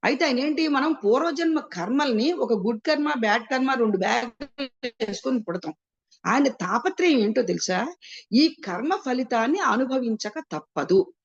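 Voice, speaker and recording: A woman's voice: a little high, animated, normal speed. A woman explaining scripture, asking and answering her own rhetorical questions and mixing English words into her speech. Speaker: spiritual teacher. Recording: muffled lo-fi sound.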